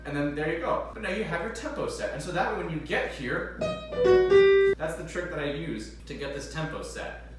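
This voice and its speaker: Young guy organist rambling while he practices, kinda high lively voice, swears a bit, really echoey room, off mic. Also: normal speed, recorded from a distance. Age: young adult. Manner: chatty, swears, hums along to the music. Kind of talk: casual practice vlog.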